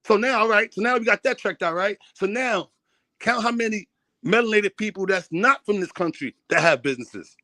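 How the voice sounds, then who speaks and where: A man's voice: high-pitched, lively intonation, a little fast, bright, forceful tone, no room sound. A man in a heated debate, insistent and talking over the others.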